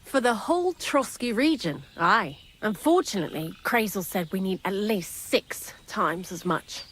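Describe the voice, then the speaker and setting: Speaking at a measured pace, the woman sounds animated and fairly bright, with a breathy edge to her medium-pitched voice. It's video game dialogue: she plays a sardonic, talkative young thief in hiding who works alongside the miller.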